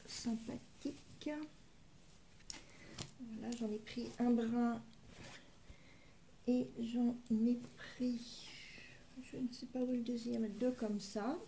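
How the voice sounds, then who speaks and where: A woman's voice: fairly high pitch, dark tone, slight background noise. A woman casually presenting her shopping haul, hesitant and full of fillers as she describes each item step by step. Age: adult parent.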